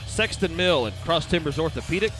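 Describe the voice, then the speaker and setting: Music plays in the background as a man calls a high school football game play-by-play at an outdoor stadium. He is expressive, brisk on each snap, and weaves in sponsor reads.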